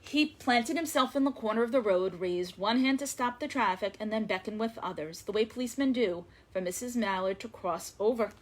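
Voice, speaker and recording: Reading a story to young children as a librarian, this woman sounds a little high and fairly quick, with few pauses. She is expressive and emphatic, drawing out her words.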